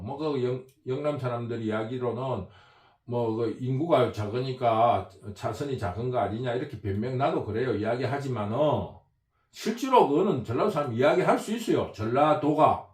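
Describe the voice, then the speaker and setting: A man's voice: mid-range voice, echoey room. Emphatic man. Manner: emphatic, repetitive, rambling. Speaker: political commentator. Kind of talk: opinionated political monologue.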